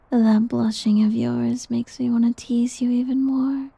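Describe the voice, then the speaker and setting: A woman voicing a doting, possessive slime creature in an ASMR roleplay, whispering softly and teasingly. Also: fairly high pitch, no room sound, exaggerated voice. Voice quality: breathy. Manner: soft whispering, teasing and coaxing. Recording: dull lo-fi audio.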